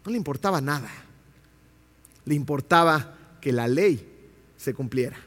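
A man preaching a sermon in a church, emphatic and animated, often putting questions to the congregation. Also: mid-range voice, measured pace. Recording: long reverb of a church hall.

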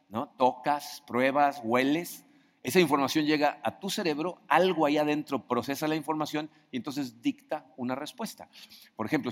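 Man preaching in a reverberant hall. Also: on the high side. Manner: conversational, asks the audience questions, acts out quoted voices. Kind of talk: sermon.

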